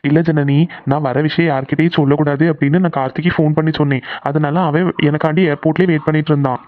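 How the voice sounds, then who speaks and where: A low-pitched young husband in a cartoon soothes his frightened wife with quick, teasing words, as a woman voices him. The sound is tinny and phone-like. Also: steady tone, lightly acted. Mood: reassuring. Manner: reassuring, teasing. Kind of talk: cartoon voice acting.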